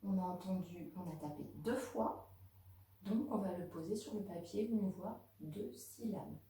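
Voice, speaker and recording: A woman teaching a home lesson to young children, speaking slowly and clearly to the kids and their parents. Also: fairly low pitch, noisy background. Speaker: kindergarten teacher. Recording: very echoey room, voice from a distance.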